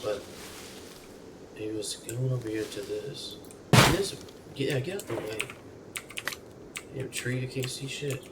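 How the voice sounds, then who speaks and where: Speaking slowly at a medium pitch and pausing often, a man streams live gameplay commentary while chatting to his in-game companion. Sudden scares make him yelp and swear, and the sound is noisy, echoey, and off-mic from a distance.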